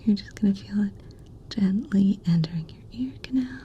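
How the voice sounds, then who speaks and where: A woman softly whispering an ear cleaning ASMR whispered role-play as a gentle, reassuring ear clinician. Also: medium pitch, normal speed, highs cut off, a little hiss or hum.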